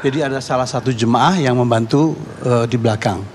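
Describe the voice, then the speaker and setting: A man from Indonesia telling what he saw as a guest on a televised talk show, his speech halting and full of restarts. His voice sits at an ordinary pitch for a man. It rings with a long hall reverb, and faint room ambience runs underneath. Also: darkish tone, a little hiss or hum. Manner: halting, repeats and restarts words. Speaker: neighborhood head and eyewitness guest. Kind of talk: eyewitness account on a talk show.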